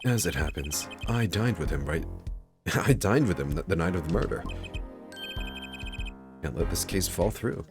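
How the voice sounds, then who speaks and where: A man voicing a smooth, suave male mentor attorney who speaks calmly with a faint tease, over game music. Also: low voice, measured pace, long pauses. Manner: calm, smooth, faintly teasing. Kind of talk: reading game dialogue aloud. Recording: game music playing behind.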